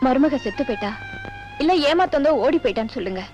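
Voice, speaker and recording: A woman's voice: high voice, animated, fast talker, a little mellow, faint music behind. An actress playing a young woman posing as a daughter-in-law, apologetic and tearful. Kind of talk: film drama acting.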